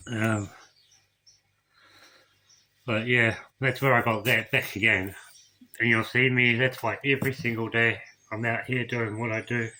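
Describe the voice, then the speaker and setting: Middle-aged man, tearful vlog confession, halting delivery, bright tone, faint background noise. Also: medium pitch, fairly even intonation. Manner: emotional, tearful, halting with repeated words. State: crying. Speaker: vlogger. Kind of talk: personal story to camera.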